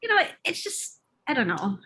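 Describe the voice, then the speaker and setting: Filipino woman, talk guest and mom, bright and fairly high voice, lively storyteller. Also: moderate pace. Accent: Filipino, mixing in Tagalog. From Philippines. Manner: animated storytelling, acts out her kids' voices. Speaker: interview guest, radio host; mother. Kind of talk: casual interview chat.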